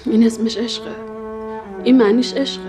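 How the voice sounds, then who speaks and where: A woman's voice: fairly high pitch, fairly even intonation, close to an everyday voice. An actress playing a young woman pleading with her cousin, whom she loves, speaking in an insistent, pleading way. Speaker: actress in a TV drama. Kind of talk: TV drama acting. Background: music score.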